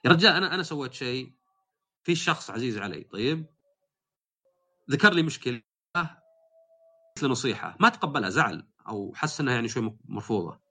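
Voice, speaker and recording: A man hosts a casual podcast chat and tells his stories with animation. He speaks very fast, in a bright and forceful voice. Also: mid-range voice, breathy edge. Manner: animated storytelling. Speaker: podcast host.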